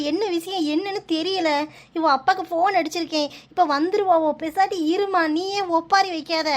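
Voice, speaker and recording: A woman voicing a distraught village mother in a cartoon, scolding and despairing, with a Kanyakumari Tamil accent. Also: extremely high pitch. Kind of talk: cartoon voice acting.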